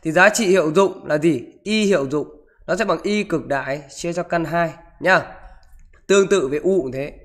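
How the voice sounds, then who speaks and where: Male physics teacher, live online class, fairly high voice, frequent check-in questions. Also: moderate pace. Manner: keeps asking "được chưa?" and "đúng không?". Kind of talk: live online exam walkthrough.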